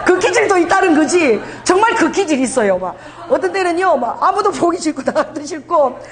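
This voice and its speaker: Middle-aged woman pastor, animated sermon delivery with frequent laughter and a very lively pitch. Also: a little fast, a faint crowd. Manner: animated, laughing storytelling preacher.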